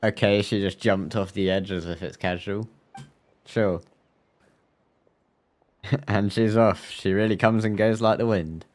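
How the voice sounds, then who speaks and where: This man is livestreaming a game with its music playing behind him, reading the dialogue aloud, joking around, and sometimes fumbling the lines. His voice is fairly low and darkish, steady in tone, and unhurried, with long pauses.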